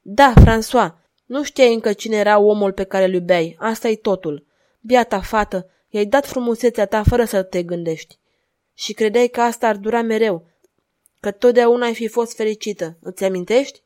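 A woman reading aloud and voicing a cold, relentless duchess who speaks in an insistent, measured way. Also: mid-range voice, a little mellow, natural voice.

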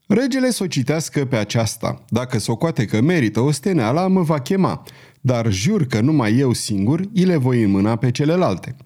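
A man's voice: mid-range voice, big pitch swings, a little mellow. A man reading aloud, voicing a fanatical monk who speaks in a firm, intense voice. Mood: firm, urgent. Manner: firm, then hoarse and thunderous.

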